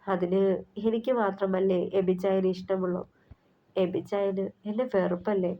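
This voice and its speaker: A woman voicing a heartbroken young woman who speaks softly and with sorrowful resignation. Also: medium pitch, little pitch movement, moderate pace, close to an everyday voice. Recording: slightly muffled recording.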